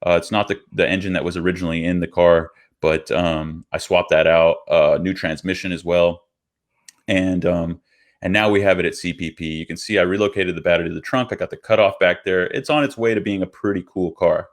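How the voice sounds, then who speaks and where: A man's voice: deep voice, steady tone, brisk. A man, co-host of a podcast, telling a casual, rambling story over a video call, with many fillers and restarts.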